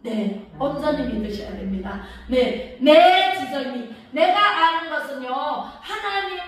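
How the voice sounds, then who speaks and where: A woman pastor preaches in a high voice, acting out the quoted lines and questioning her listeners. She sounds far from the mic, and her voice rings around a large reverberant church. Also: animated, unhurried. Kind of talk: sermon. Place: church sanctuary. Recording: echoey church hall from far off.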